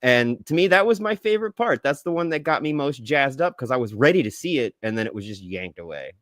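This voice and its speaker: A man playing an easygoing young Spider-Man superhero, chatting casually and a little haltingly as a podcast guest reviewing a film. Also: medium pitch, big pitch swings, fairly bright tone, no room sound, studio quality. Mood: enthusiastic.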